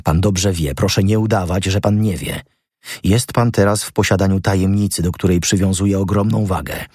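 A man's voice: sits low, fairly even intonation, moderate pace, a little mellow, slightly rough, no room sound, studio quality. Man voicing a menacing master thief. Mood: insistent. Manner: stern, threatening, commanding. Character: commanding male master thief, cold and menacing. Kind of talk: audiobook character reading.

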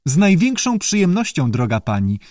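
A man's voice: fairly high pitch, sing-song, normal speed, a little mellow, no room sound, studio quality, voice pushed up. A man doing a polite, naive newt. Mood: polite, earnest. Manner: courteous, formal, eager. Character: polite, bookish male newt, earnest and naive. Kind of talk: audiobook character voice.

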